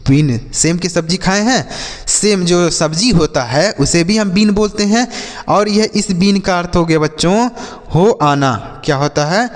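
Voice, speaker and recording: A man teaching children in Hindi-style lesson, spelling each word letter by letter and asking and answering his own questions. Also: a little high. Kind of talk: English homophone lesson for children. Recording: long reverb.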